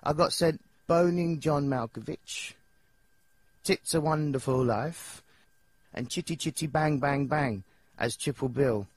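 Voicing a nervous, dim, childlike young singer in a video game, an English-accented actor rambles hesitantly in slangy speech, sounding pleased. His male voice is a little high and husky, at a measured pace, with no room sound.

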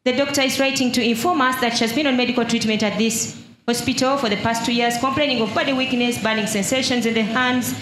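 A woman presenting and interpreting a church testimony in a brisk, declaiming manner. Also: on the high side, fairly even intonation, a bit bright. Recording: echoey hall with faint noise.

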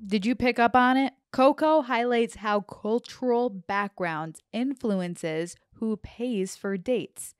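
A young woman hosts her own podcast, reading a prepared explainer with chatty, joking asides. Her voice is smooth and clean, recorded close on a handheld mic. The small home studio around her sounds dry and dead. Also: fairly high pitch, slow, hardly any pauses, dry recording. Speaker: podcast host. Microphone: handheld dynamic mic, headphones.

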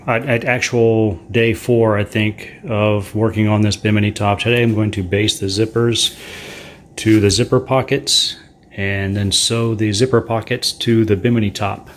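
In a lowish voice with little pitch movement and a moderate pace, a middle-aged man narrates a casual how-to while cutting and sewing canvas in his kitchen and living room. He's a sailing channel host who explains each step and talks plainly and frankly about his troubles as he works. A little hiss or hum can be heard.

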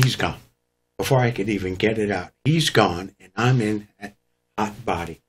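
A man's voice: on the low side, husky. A man, a guest preacher, telling his testimony in an emphatic, dramatic preaching manner. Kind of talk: testimony storytelling.

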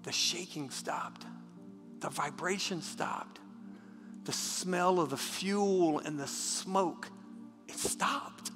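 A man preaching a passionate sermon as pastor, repeating words when moved and dropping to a hush for a personal story. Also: sits high, slow. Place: church sanctuary. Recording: church hall with reverb and faint music.

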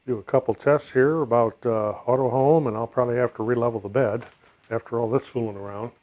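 A middle-aged American man narrating a hands-on repair casually, in a low-key way, as if muttering to himself while he works. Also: steady tone, fast, darkish tone, highs cut off. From United States. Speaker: DIY repair video host. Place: home room, indoors.

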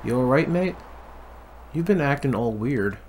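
A man's voice: medium pitch, expressive, measured pace, a little mellow, a little hiss or hum. A man putting on a cocky young girl thief with a butchered Irish accent. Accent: put-on butchered Irish. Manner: slangy, overdone accent read from on-screen text. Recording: faint game music behind.

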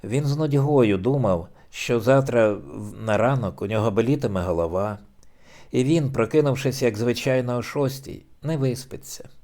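A man reading a novel aloud as an audiobook narrator, in a measured, even way. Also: mid-range voice. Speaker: audiobook reader.

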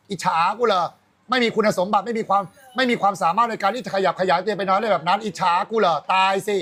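High-voiced man ranting coarsely. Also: a bit bright. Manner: coarse, taunting, mocking. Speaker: livestreamer. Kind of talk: angry livestream rant.

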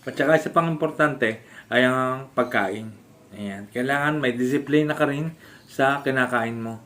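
A man from the Philippines, a stroke survivor, casually demonstrating home exercises with halting speech, frequent fillers and restarts, and often laughing as he explains. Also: mid-range voice, a bit bright. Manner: polite, addresses viewers respectfully. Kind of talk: casual instructional vlog.

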